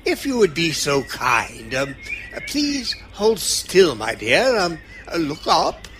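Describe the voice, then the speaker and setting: An actor in an audio drama playing an eccentric, kindly, cheerful old time-travelling doctor who dithers through ums and broken phrases. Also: male voice, a little high, big pitch swings, slow, fairly bright tone, slight background noise, full character voice. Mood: fussy, gentle.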